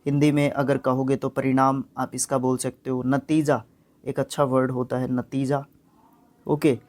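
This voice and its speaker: A man's voice: medium pitch, little pitch movement, a little mellow. Man teaching vocabulary, sounding out words. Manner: repeats and sounds out words slowly, drops in short fillers. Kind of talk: explaining vocabulary lesson.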